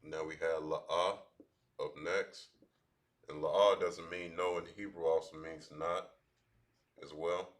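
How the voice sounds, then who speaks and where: A man teaching a language class at a board, talking in halting bursts with many restarts. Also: sits low, little pitch movement.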